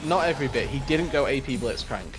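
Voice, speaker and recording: Guy doing analyst commentary for esports, mid-pitch voice, dry teasing, faint music underneath. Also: animated, fast. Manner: dry, teasing, explains game detail. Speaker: esports caster.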